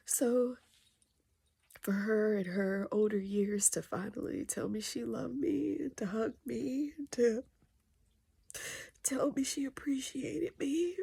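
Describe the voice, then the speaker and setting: A middle-aged woman pours out her grief in a hushed, halting near-whisper, sniffling through tears. Her voice sits high, with a gravelly fry at the edges. She talks slowly and pauses often. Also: no room sound. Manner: soft, mostly whispered, halting delivery. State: tearful and sniffling. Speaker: vlogger venting. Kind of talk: tearful personal vent monologue.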